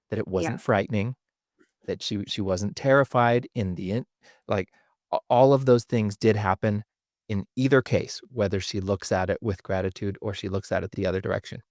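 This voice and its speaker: Low-voiced male podcast host, dry sound. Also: a little mellow, no echo. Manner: thoughtful, explanatory, with frequent restarts. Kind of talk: casual conversational podcast.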